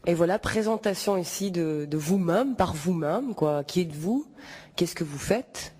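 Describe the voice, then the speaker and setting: A man with a fairly high but mellow voice opens the video in a casual, rambling way. His questions come out loose and informal, trailing off at the ends. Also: lively intonation, unhurried, husky. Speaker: host. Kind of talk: casual introduction.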